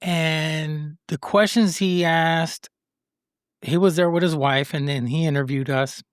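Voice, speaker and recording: A man's voice: on the high side, steady tone, slow, smooth, dry recording. Guy rambling thru a personal story, earnest, acts out quotes, dry close sound. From Puerto Rico. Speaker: podcast host.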